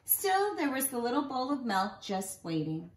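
A nursery school teacher in her forties reads a children's picture book as a bedtime story, her voice a little high. She tells it in an animated way for young children, stretching out key words, in a roomy recording from a small living room at home with slight background noise.

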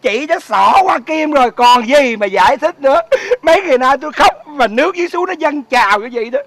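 A man's voice: very high-pitched, lively intonation, fairly quick, a bit bright, dry recording, full character voice, low-quality recording. A man with a Southern Vietnamese accent playing a heartbroken, jilted man in a comedy sketch, wailing and sobbing melodramatically. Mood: self-pitying.

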